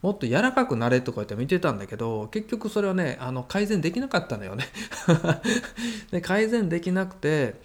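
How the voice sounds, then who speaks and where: A man with a Kansai accent, a guest mentor recounting work stories in casual conversation, animated and chuckling. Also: fairly high pitch, quick pace, hardly any pauses. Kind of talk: conversational storytelling.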